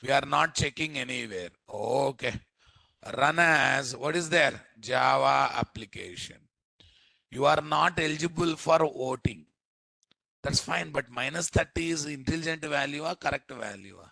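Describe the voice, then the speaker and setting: A man's voice: mid-range voice, creaky, sharp tone, dry recording. An Indian-accented man teaching programming in a live coding lecture, repeatedly quizzing his listeners with questions. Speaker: programming instructor.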